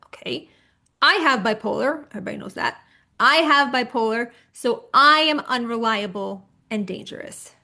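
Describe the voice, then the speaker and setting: Female presenter, fairly high voice, warm-conversational workshop delivery on a computer mic. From California. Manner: conversational, reassuring, checks in with listeners. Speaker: psychotherapist and author giving a talk. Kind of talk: online presentation to a support group.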